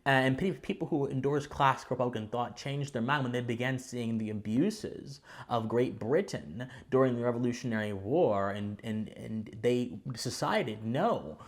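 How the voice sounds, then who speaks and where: A man's voice: medium pitch, normal speed, hardly any pauses. A man hosting a commentary channel, explaining to viewers in a didactic, formally worded way with emphatic stress on key words. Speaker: host of a political commentary channel.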